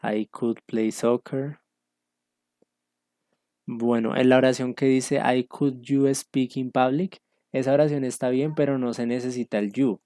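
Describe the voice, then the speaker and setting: Male language teacher, mellow, patient explainer over a dry video call. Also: mid-range voice, no room sound. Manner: patient, explanatory, with frequent fillers. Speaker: English teacher. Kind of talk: online class instruction.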